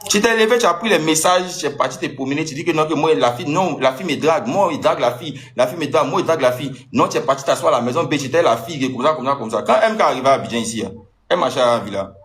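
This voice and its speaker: A man's voice: a little high, lively intonation, rapid-fire, fairly bright tone. A young man, telling off his ex-partner in an agitated monologue with rising outbursts. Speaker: social media personality. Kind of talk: angry monologue addressed to an ex-partner.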